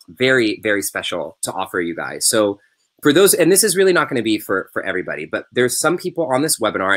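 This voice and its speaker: A man hosting a live webinar as a yoga business coach. He teaches and pitches in a casual, emphatic way and repeats his key phrases. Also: sharp tone. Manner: casual and unpolished by choice.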